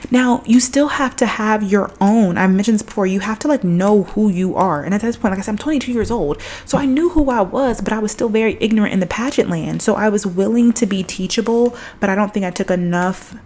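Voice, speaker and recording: This young woman runs her own podcast and tells a personal story in a chatty, thoughtful way, leaning heavily on "like." Her mid-range voice is a little mellow, and she talks fairly fast with few pauses.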